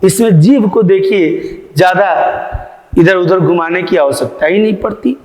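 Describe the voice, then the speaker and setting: A male teacher gives a grammar lesson to children, slowly explaining and asking and answering his own questions. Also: sits high, a little mellow. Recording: echoey room with long reverb.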